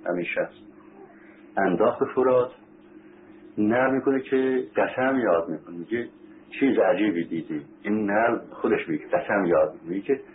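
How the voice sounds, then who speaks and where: A man preaching a sermon as a story, repeating phrases for emphasis, asking his listeners rhetorical questions and reciting Arabic scripture. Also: fairly low pitch. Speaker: religious preacher. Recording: tinny phone-like recording with faint hiss.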